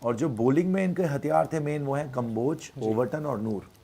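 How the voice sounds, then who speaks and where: A man in a casual cricket preview chat, listing players in a relaxed way. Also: medium pitch, normal speed, gravelly. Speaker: cricket panelist.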